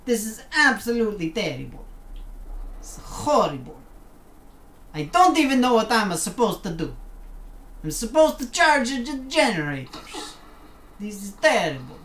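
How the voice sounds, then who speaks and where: Her mid-range voice is sing-song and unhurried, broken by long pauses, as this gaming streamer chats casually from her home desk. She jokes around, tries on fake accents, and talks back to the game, in a roomy recording with faint hum.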